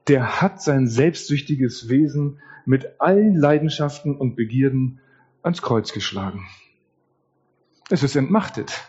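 A man's voice: medium pitch, a little mellow, breathy edge, lo-fi sound. A man preaching a sermon, telling a story in an earnest way straight to the congregation.

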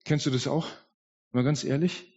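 A man's voice: mid-range voice, fairly even intonation, normal speed, vocal fry, a little mellow, slightly rough. A man preaching a sermon at a church service, speaking earnestly and straight to the congregation. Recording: dull lo-fi sound.

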